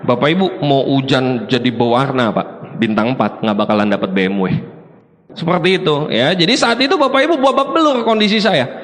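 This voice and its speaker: A middle-aged man giving an animated, joking motivational talk to a seminar audience. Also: mid-range voice, a little fast. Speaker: motivational speaker. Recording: long hall reverb.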